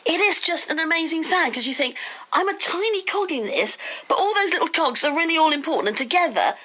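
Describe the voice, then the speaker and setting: A woman's voice: very high voice, expressive, brisk, pushed and bright. A woman radio presenter asking questions in a playful, jokey way. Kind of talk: radio interview.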